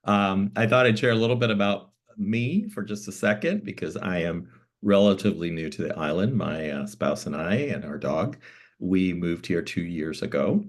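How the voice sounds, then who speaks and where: Speaking at a moderate pace in a low voice, a middle-aged man explains things at length with plenty of fillers. He was born in Cuba, lives in Florida, and appears as a guest at a community talk in his role as interim museum director.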